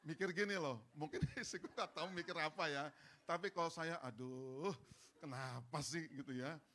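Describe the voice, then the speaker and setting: A man's voice: on the high side, a little fast. A middle-aged man, preaching a sermon and acting out the voices in his story. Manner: animated, acts out dialogue in different voices. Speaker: pastor. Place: church hall.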